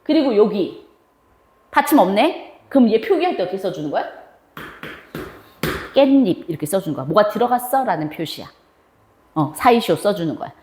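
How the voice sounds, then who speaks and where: A woman teacher explaining grammar to her class, her pitch rising and falling a great deal as she quizzes the students and answers her own questions. The sound is roomy, with a clear echo around her voice. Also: very animated, quick pace, a little mellow. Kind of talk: classroom lecture.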